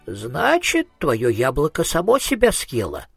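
Male narrator doing a high-strung wizard, fretful, quippy, voice raised. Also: wildly swooping pitch, gravelly, slightly rough, soft background music, heavily acted. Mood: wary. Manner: high, fretful, quick to quip. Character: nervous, wry male wizard in flight.

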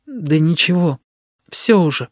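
A man's voice: a little high, animated, a little slow, dry recording, studio quality, voice pushed up. A man voicing a sensitive young boy who pleads and sulks. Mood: sulky. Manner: pleading, sulky.

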